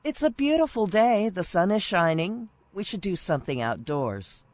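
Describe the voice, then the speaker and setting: Sally, a friendly young dialogue character, voiced by a woman, speaks slowly and clearly with a lively, bouncing pitch. Her lines sound like a course listening track. The recording is dry and close. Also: no echo. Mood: cheerful. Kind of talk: scripted course dialogue audio.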